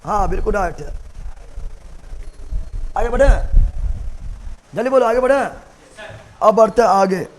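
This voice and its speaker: High-voiced man teaching chemistry. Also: expressive, a little slow, pauses often, slight background noise. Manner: repeats key words and quizzes the class again and again; colloquial, joking asides in a regional Hindi dialect. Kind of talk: classroom lecture with call-and-response questions. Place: classroom, also streamed online.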